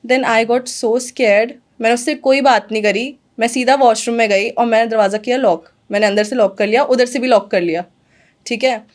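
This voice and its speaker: A woman with a fairly high voice recounts a personal story as a guest in conversation. Her telling is earnest and full of fillers. She drops English phrases into her speech as she goes. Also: moderate pace. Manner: earnest, filler-heavy retelling with quoted dialogue; mixes Hindi with English phrases.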